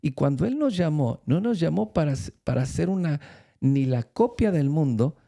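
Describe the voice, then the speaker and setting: A man giving a faith-based talk, telling a story with frequent pauses, fillers and restarts. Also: fairly high pitch, expressive, vocal fry, mellow. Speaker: church speaker.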